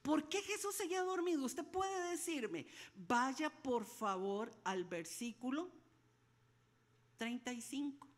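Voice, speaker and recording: A woman pastor delivers an animated sermon in a high voice. She acts out scenes in her own voice and rises to forceful, near-shouted questions. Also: slow. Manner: animated preaching, acting out dialogue and rising to shouted questions.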